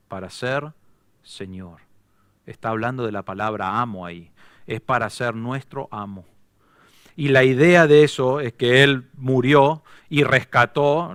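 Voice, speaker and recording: A man with an Argentine accent preaching a sermon as pastor, emphatic and quick to throw rhetorical questions at the congregation. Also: medium pitch, a bit bright, dry recording, studio quality. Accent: Argentine Spanish.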